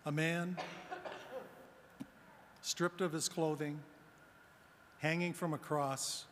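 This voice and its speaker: A man delivers a church reading or homily slowly and solemnly, in a slightly high voice. His words carry long cathedral echo as they ring through a large church. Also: little pitch movement. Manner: measured, solemn public delivery with pauses. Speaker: deacon preaching. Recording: cathedral-like echo, long reverb, background noise.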